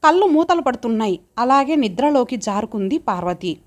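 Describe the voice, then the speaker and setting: A woman reading an audio story as a storyteller, calm and measured. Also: fairly high pitch. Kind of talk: scripted narration.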